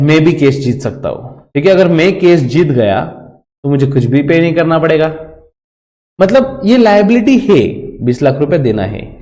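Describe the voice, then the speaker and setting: A man with an Indian English accent and a slightly high, slightly mellow voice gives a recorded commerce lecture for students. He explains step by step, mixes English terms into his Hindi, and keeps checking in with "theek hai." Long hall reverb colors the recording.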